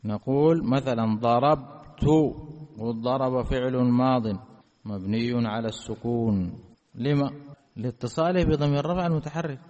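A man teaching an Arabic grammar lesson. He keeps asking his students check questions and slows down to stress each example word. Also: mid-range voice, dark tone. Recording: reverberant hall, dull lo-fi sound.

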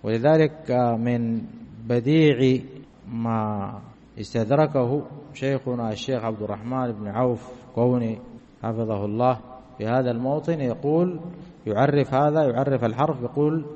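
A man's voice: medium pitch, moderate pace, long pauses, warm tone. A male teacher giving a grammar lesson, repeating key terms and quizzing his listeners with short questions. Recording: dull lo-fi sound with long hall reverb.

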